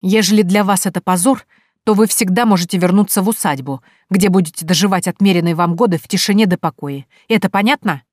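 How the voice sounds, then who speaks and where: Woman voicing young pregnant woman, calm, firm, cold, measured, low voice, dry sound. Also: no room sound, lightly acted.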